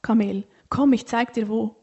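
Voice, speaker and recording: Friendly storybook donkey, easygoing, soft breathy tone, as a woman narrator puts it on. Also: a little high, steady tone, normal speed. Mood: cheerful. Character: cheerful good-natured little donkey.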